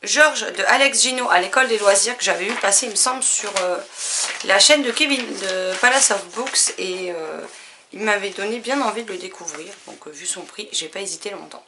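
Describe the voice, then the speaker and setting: A woman casually listing her new books, chatty and relaxed, with frequent fillers. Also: medium pitch, normal speed, background noise. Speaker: book vlogger. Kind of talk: casual book haul chat.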